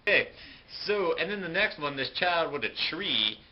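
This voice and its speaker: A man's voice: on the high side, big pitch swings, moderate pace. A young man telling a silly school skit story in a goofy, sarcastic, slangy way. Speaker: narrator of a student skit. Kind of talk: comic retelling with put-on voices. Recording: dull lo-fi home video, faint noise.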